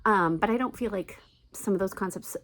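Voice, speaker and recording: A middle-aged American woman vlogs to camera, giving recommendations in a casual yet emphatic way. Her mid-range voice is a bit bright and moves a little fast.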